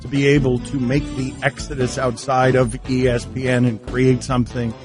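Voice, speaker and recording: A man's voice: mid-range voice, flat delivery, normal speed, music in the background. A man hosting a sports interview podcast, talking casually and introducing his guest. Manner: conversational, reads ad promos. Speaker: podcast host.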